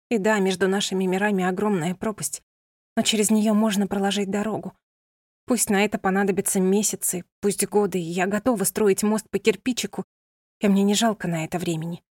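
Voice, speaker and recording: A woman's voice: medium pitch, steady tone, fairly quick, a little mellow, no room sound, studio quality, close to an everyday voice. A woman voicing a determined young woman who speaks earnestly and firmly.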